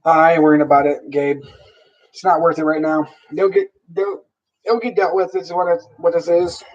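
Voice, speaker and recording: A man with a notably high-pitched voice chats casually to his live-stream viewers. He rambles, swears freely and often restarts his sentences. The sound is dull and lo-fi. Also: fairly even intonation, normal speed. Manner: rambling, profane, with frequent restarts.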